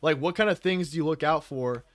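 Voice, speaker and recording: A man's voice: on the high side, fairly quick, no echo. A man hosting a casual podcast interview, speaking in an informal, slangy, enthusiastic way with plenty of swearing. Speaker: podcast host.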